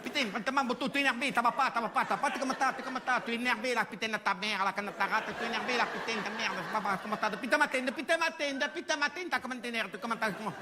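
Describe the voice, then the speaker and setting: A man putting on an exasperated colleague with a thick put-on accent, talking fast and repeating himself. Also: high-pitched, expressive, long reverb tail, a crowd in the background, noisy background, voice pushed up. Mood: agitated. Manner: rapid, repetitive, exasperated.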